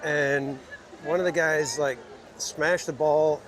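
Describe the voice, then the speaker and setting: A man hosting a casual walking livestream in a theme park, chatting with viewers in a relaxed, rambling way. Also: a little high, slow pace, some chatter behind. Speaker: livestream host. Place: outdoors in a busy theme park. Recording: loud outdoor park noise.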